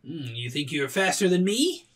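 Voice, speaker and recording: High-voiced adult gnoll challenger played by a man, boastful, tabletop fantasy creature. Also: very animated, moderate pace, fairly bright tone. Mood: cocky challenge. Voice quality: high-pitched.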